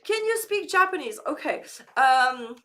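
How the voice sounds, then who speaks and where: Streaming a game live on a desk microphone, a woman casually chats with viewers and reads their messages aloud, with frequent fillers and restarts. English is not her first language. Her high-pitched voice is very animated, a bit bright, and a little slow.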